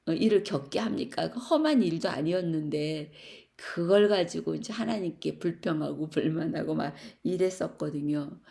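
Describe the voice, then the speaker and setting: A middle-aged woman from Korea sharing a reflective, confessional faith testimony in a Bible study, with soft laughs and fillers. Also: mid-range voice, creaky.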